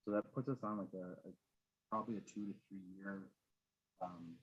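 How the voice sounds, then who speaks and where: A man's voice: low voice, fairly even intonation, moderate pace, husky, no room sound, highs cut off. A man on a video call explaining project steps in a careful, explanatory way with many fillers, his audio fading and dropping out unevenly. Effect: choppy video-call audio with the volume fading and cutting out. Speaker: airport project consultant. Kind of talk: explaining at a public meeting.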